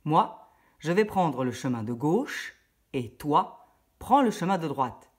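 Sly hungry male wolf, read by a woman: loud, drawn-out lines, a little husky. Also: low voice, big pitch swings, full character voice.

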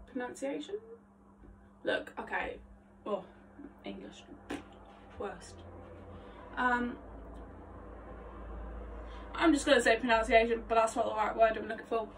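A young woman vlogging her vocal warmup, chatty, rambling and self-mocking, her voice slightly phlegmy. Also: a little high, fairly even intonation, takes it slowly, pauses often, slight background noise. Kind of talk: casual vocal warmup vlog. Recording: voice a bit distant from mic.

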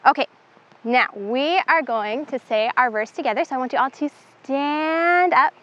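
A woman's voice: sits high, moderate pace, sharp tone, dull audio. A young woman teaching a children's Bible club, upbeat and instructive, counting down and leading the group in reciting verses.

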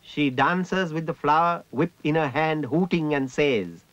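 Slow, measured male narrator. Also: a little high, a bit bright, no echo, highs cut off. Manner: measured, descriptive. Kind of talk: scripted narration of a ritual.

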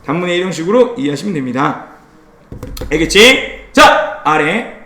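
A male teacher lecturing a class in a high, lively voice that jumps all over the place. He teases his students and fires quick check-up questions at them. The sound comes from an echoey classroom. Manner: playful teasing, drilling students with quick questions. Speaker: English teacher.

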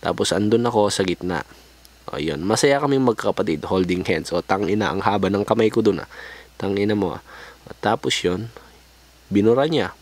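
A man's voice: lowish voice, expressive, fairly quick, pauses often. A young man from the Philippines telling his life story over drawings in a crude, joking way, swearing a lot and slipping into English slang. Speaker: vlogger.

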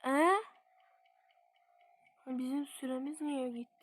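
A young person commenting casually on a driving game, chatty and excitable, cheering and counting along. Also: female voice, high voice, slow. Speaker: gaming channel host.

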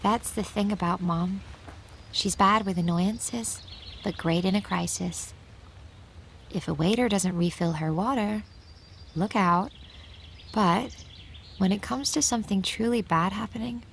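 An actress playing an earnest, loyal young daughter who narrates a radio drama in the first person. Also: female voice, fairly low pitch, gravelly, a little hiss or hum.

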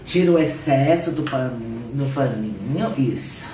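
A woman's voice: extremely low pitch, animated, unhurried, dark tone. A Brazilian woman teaching a painting craft on a live stream, greeting viewers by name as she instructs. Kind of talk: casual live craft lesson. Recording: roomy sound from a distant mic, faint noise.

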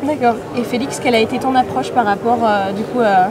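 A young woman interviews guests with a handheld microphone. Her questions are hesitant and full of fillers. Her voice sits a little high, and heavy crowd chatter surrounds her. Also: a little fast.

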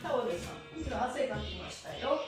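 Cheerful and playful, a middle-aged woman leads an exercise lesson as stretching instructor and host, calling out instructions and rhythmic chants over music. Her voice is a little high, animated and fast. A camera mic a few steps away picks her up in a small, echoey indoor room with bare walls.

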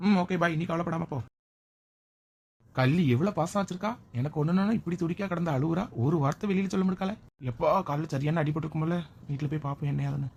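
A playful young man teases his girlfriend and brushes off his injuries in a homemade comedy skit, played by a woman. The voice is quick and slightly low. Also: darkish tone, slightly rough, dull audio. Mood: teasing. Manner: playful, teasing, boastful. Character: teasing, lovestruck young man.

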